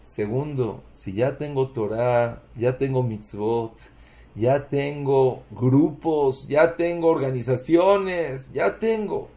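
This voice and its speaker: A man's voice: medium pitch, slow, mellow. A man giving a Torah lecture in Spanish, posing rhetorical questions and leaning hard on emotional emphasis. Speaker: Torah teacher.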